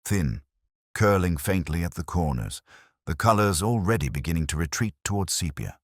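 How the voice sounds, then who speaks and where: This is a first-person detective mystery read by a man whose voice sits extremely low. His pacing is deliberate and moody, with animated pitch movement across each literary line. Captured close-up with no echo, the sound is dry and carries a husky texture.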